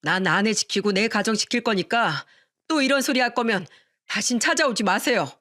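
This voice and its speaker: A woman's voice: on the high side, moderate pace, pushed and bright. A woman voicing an earnest husband in a radio story, speaking firmly and pleadingly to his mother and his wife. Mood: firm, exasperated. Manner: firm and pleading, then tender.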